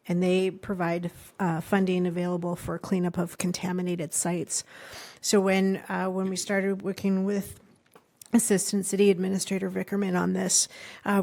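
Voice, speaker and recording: A woman consultant giving a formal presentation to a city council, measured, with filler uhs between phrases. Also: medium pitch, creaky.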